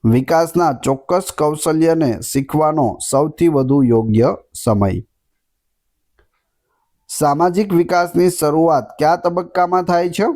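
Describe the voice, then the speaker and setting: Male exam tutor, reads questions then answers them, mellow tone, slightly high-pitched. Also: unhurried. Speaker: exam prep teacher.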